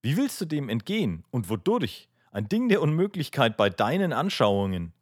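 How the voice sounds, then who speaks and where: In a clean studio recording with no room sound, a man reads an audiobook at a moderate pace, pitching his medium voice above his natural one. Very animated, he voices an anxious, devout young man, raising his voice in a pressing, imploring plea.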